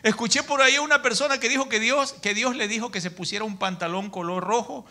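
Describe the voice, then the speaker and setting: A middle-aged man preaching a sermon in a church, telling stories in an animated way and calling his listeners brother. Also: very high-pitched, fast talker. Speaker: pastor.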